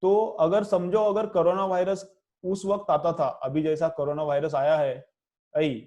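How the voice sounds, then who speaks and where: Hindi-English teacher with a mellow voice. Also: male voice, a little high, little pitch movement. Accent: Indian English. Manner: asks questions and answers them himself; repeats phrases slowly for dictation. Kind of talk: classroom lecture, dictating notes.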